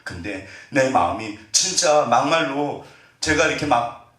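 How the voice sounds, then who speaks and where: A middle-aged pastor preaches in a chatty sermon style, with his pitch rising and falling a lot as he quizzes his listeners. His voice rings around the church sanctuary, picked up from a few steps away. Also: expressive, measured pace, fairly bright tone. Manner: conversational, quizzes the congregation with questions; acts out family members' words in quotes. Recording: roomy sound, distant from mic.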